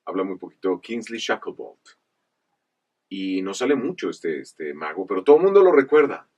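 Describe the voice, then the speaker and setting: A man from northern Mexico, a voice actor, telling stories from his career in a measured, explanatory interview manner. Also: low voice. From Chihuahua, northern Mexico. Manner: measured, explanatory, animated asides. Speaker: voice actor guest. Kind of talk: casual interview storytelling. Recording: voice slightly distant from the mic.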